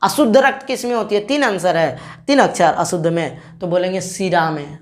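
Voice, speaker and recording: A woman teacher giving an exam-prep lecture, drilling students with quick questions and answers and repeating key terms. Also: fairly low pitch. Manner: repeats key terms, self-corrects mid-word.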